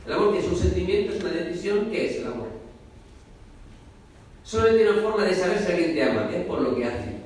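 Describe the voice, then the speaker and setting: A man preaching a sermon, talking fast and emphatically and addressing the listeners directly. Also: sits high, lively intonation, darkish tone. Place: church hall. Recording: echoey hall, voice from far off.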